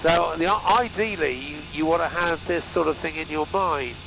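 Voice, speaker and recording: A male flight instructor with a very creaky, fairly high-pitched voice explains things casually and haltingly. He talks through a headset in a small cockpit with clear engine drone behind him. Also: noisy background. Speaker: flying instructor. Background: aircraft engine drone.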